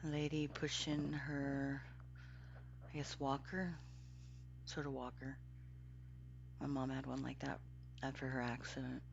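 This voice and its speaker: A man's voice: medium pitch, level tone, a little slow, vocal fry, pauses often, dull audio, a little hiss or hum. A man giving casual, offhand reaction commentary on video clips, with frequent short exclamations.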